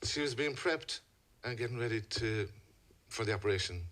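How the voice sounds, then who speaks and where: A middle-aged man with a west of Ireland accent, giving a personal account in a radio interview in measured, halting phrases. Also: mid-range voice, expressive, fairly bright tone. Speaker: interview guest, a father telling a family story.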